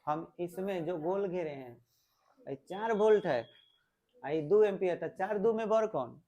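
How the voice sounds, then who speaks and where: A man's voice: high-pitched, expressive, unhurried, dark tone. A male physics teacher, giving a classroom lecture, explaining step by step and asking the class questions.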